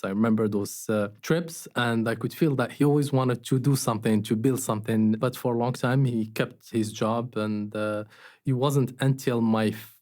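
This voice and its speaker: A man from Morocco, a company founder, talking in a relaxed interview and telling stories with fillers and restarts. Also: mid-range voice. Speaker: guest, startup founder. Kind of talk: casual interview conversation.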